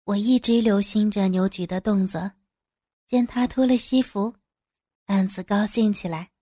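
A woman's voice: mid-range voice, unhurried, dark tone, dry recording, clean studio sound. A woman narrating an adult audio drama in the first person, turning flirtatious and teasing in her character's dialogue.

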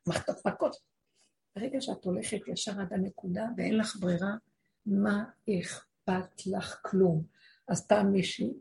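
Gravelly-voiced woman teaching a religious lesson. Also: mid-range voice, mellow. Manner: explains with frequent rhetorical questions to listeners; acts out quoted voices in her teaching. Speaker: spiritual teacher.

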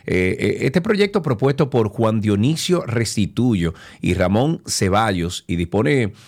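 A man hosts a radio show from a studio, reading news with small hesitations and chatting warmly with callers. His voice is fairly low, animated and a little slow.

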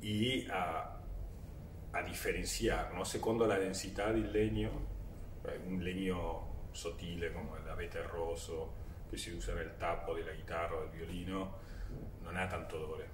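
Low-voiced man, Argentine Spanish accent, native Spanish speaker, halting mixed-language interview talk, slow pace, roomy sound. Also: flat delivery. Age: 40s. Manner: halting, searching for words, switching between languages. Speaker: interview guest, perfumer. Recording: roomy echo, distant mic, faint noise.

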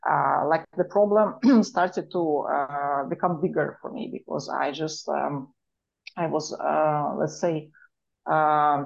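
A woman's voice: on the low side, muffled recording. A woman with a Russian accent, a psychologist guest telling her story in an interview, hesitant with many fillers.

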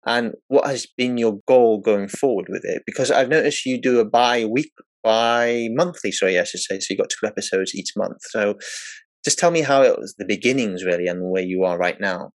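A man's voice: medium pitch, moderate pace, no echo. A man hosting a podcast interview, asking long rambling questions with restarts and self-corrections.

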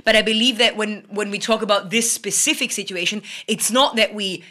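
Woman, bright forceful voice, medium pitch, podcast co-host, conversational, explanatory, careful qualifications. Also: a little fast.

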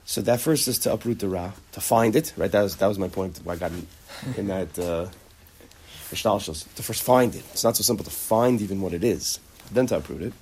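A man's voice: deep voice, brisk, darkish tone, breathy edge. A man teaching a conversational lecture on character traits, acting out bits of dialogue and often restarting his sentences. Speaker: Torah teacher.

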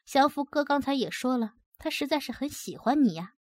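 A woman's voice: high voice, expressive, fairly quick, a little mellow, no room sound, clean studio sound. A woman voicing a sly, smug young man who sneers and sweet-talks, read in a storytelling style. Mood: coaxing. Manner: sneering, smooth-talking.

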